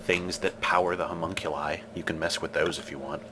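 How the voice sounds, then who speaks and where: A man's voice: sits low, steady tone, brisk, noisy background. A man running a tabletop game as game master, narrating in a casual way.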